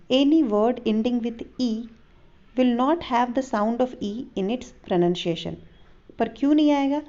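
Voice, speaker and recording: Slow-spoken woman teaching phonics. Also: a little high, dark tone. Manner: spells words out letter by letter and sounds them out. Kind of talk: slow explanatory phonics lesson. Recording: dull lo-fi recording.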